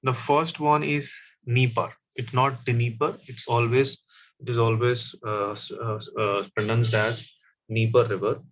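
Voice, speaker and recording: A man teaching a class, explaining step by step and often pausing with fillers. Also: mid-range voice, little pitch movement, a bit bright. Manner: slow, stop-start explaining with fillers. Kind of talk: classroom map lesson. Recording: dull, slightly lo-fi audio.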